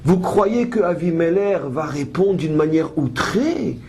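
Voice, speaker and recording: A woman with a husky, breathy voice leads a Torah study lesson. She reads each Hebrew verse and then explains it. Her commentary is pointed and ironic. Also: lowish voice, animated, measured pace, a little mellow. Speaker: Bible teacher.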